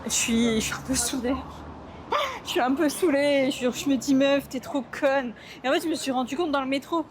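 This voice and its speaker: A woman's voice: sits high, a little fast, background noise. Rambling young woman vlogging outdoors. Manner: rambling, self-mocking, slangy, many fillers. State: upset and hungry. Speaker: travel vlogger. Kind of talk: casual vlog chat to camera. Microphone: camera mic.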